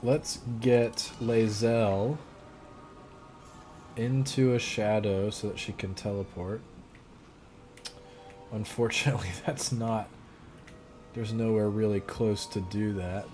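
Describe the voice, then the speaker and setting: A man's voice: on the low side, steady tone, slow, pauses often, mellow, soft background music. A man casually commentating his gameplay, thinking aloud and muttering his plans as he goes. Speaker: gamer.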